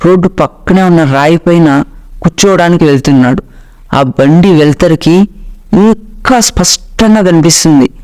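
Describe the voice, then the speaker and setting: Smooth-voiced man telling a ghost story. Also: a little high, darkish tone. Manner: dramatic, slows down for suspense. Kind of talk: first-person ghost story narration.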